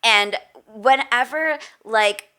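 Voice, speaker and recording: Bright-voiced woman, earnest and reflective. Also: fairly high pitch, takes it slowly. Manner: earnest, reflective, with frequent "like" and "you know". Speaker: podcast guest, spiritualist. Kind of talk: casual interview conversation.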